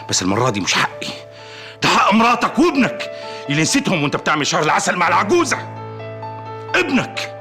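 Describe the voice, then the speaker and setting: A stern, furious older brother. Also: male voice, low-pitched. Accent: Egyptian Arabic. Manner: scolding, furious outbursts. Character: stern older eldest brother, hot-tempered head of family. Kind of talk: TV drama acting. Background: music score.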